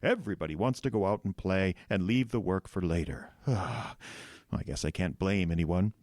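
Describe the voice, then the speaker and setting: An actor playing a kindly, weary old Santa Claus in a folksy radio comedy drama. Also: male voice, low-pitched, normal speed, darkish tone, no echo, clean studio sound, close to an everyday voice.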